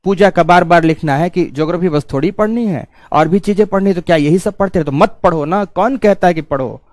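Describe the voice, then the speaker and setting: A man's voice: sits high, brisk, a little mellow, no echo. A male teacher giving a stern exam-prep lecture, scolding students and repeating key points for emphasis.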